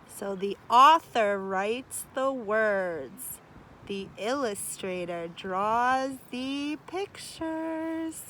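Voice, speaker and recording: This is a low-quality recording with slight hiss or hum: a woman teacher with a mid-range voice reads a picture book to children near trees outdoors. She takes it slowly and warmly, adding lively, chatty asides.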